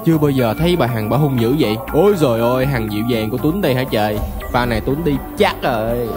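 A man's voice: mid-range voice, fast talker. A man narrating a game drama in a chatty, comic first-person way. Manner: chatty, comic, exaggerated asides. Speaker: narrator and main character. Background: music.

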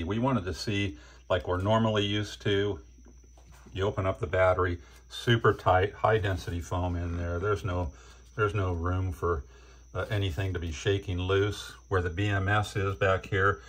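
Low, husky-voiced older man reviewing gear. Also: moderate pace. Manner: relaxed, plain-spoken, with fillers. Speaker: channel host reviewing batteries. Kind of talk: casual hands-on product review. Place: indoor workbench.

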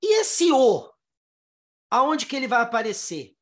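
A fairly high-pitched teacher from Brazil walks her students through English vowel sounds. Her voice swings widely in pitch as she sounds out words syllable by syllable. She keeps asking the class questions to hold their attention. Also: sing-song. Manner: explains step by step, sounding out syllables slowly; asks the listener rhetorical questions. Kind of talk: classroom lesson explaining pronunciation.

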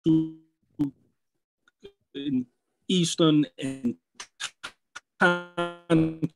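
Man on a video call from home, sound breaking up, dry close audio, halting delivery. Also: fairly high pitch, very animated, vocal fry, clear, resonant tone, no room sound, soft background music, rough recording. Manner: halting, with many fillers and restarts. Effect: video call audio breaking up and dropping out. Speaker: district attorney speaking to a political committee. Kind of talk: campaign update speech. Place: at home, indoors. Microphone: phone or laptop on a video call.

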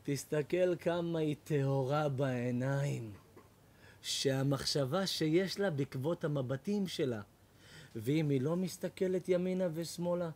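A man, a rabbi, giving an animated sermon, loud, repetitive and mocking. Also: a little high. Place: lecture hall.

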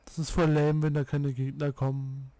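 A man's voice: a little high, little pitch movement, moderate pace, dark tone, no room sound. A young man chatting casually with friends while commentating his own video game play. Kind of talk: casual gaming chat with friends.

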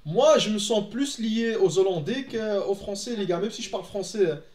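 Recorded in a reverberant room at home, a young Belgian streamer from Antwerp talks casually with his live audience while gaming. A native Dutch speaker, he has a high, darkish voice and a slightly slow pace, and he answers chat with lots of fillers and restarts.

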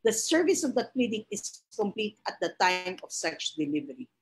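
A woman's voice: medium pitch, very animated, normal speed, rough recording. A middle-aged woman with a Filipino accent, a law dean giving a lecture, switching between English and Tagalog, reading rules aloud and explaining them with a frequent "okay?". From Philippines. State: a little out of breath.

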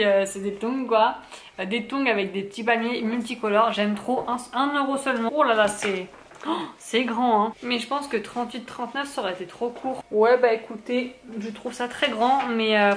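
A woman's voice: a little high, slight background noise. A young woman chatting casually through a shopping haul vlog at home, with many fillers and small laughs. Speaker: vlogger. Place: at home, moving to the kitchen.

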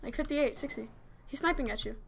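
A young woman streaming a game, making quick, excitable callouts to her teammates. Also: high voice, gravelly. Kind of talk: casual gaming chat with teammates. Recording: steady background noise.

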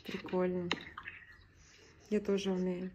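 A middle-aged social media video creator chats casually and flirtatiously on a call, composed and playfully evasive. Her lowish voice is completely flat and slow, recorded on a phone held at arm's length in a small room at home with a noisy background.

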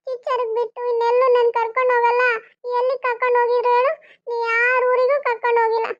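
A woman's voice: very high voice, monotone, quick pace, muffled recording, voice pushed up. A woman voicing a stubborn, talkative little village boy in a cartoon, whiny and pleading as he talks on and on. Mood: complaining. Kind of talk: cartoon voice acting.

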